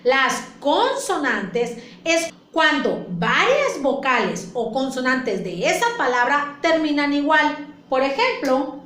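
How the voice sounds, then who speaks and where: A primary school teacher patiently explains a lesson to her class, going over points again and posing questions. Her high voice is sing-song, slow and a bit bright, recorded in an echoey room with faint ambience.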